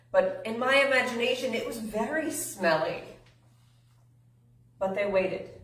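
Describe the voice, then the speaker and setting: A woman's voice: medium pitch, a bit bright, a little hiss or hum. A woman teaching a children's church lesson, reading scripture with energy and chatting to the kids in asides. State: a little out of breath. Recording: roomy, from a distance.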